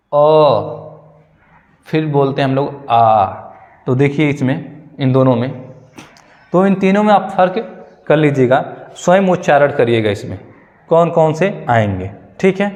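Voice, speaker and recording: A male teacher giving a slow, repetitive grammar lesson for exam prep, checking in with his students often. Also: fairly high pitch, big-room sound. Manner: explains slowly, repeats key points and asks "ठीक है".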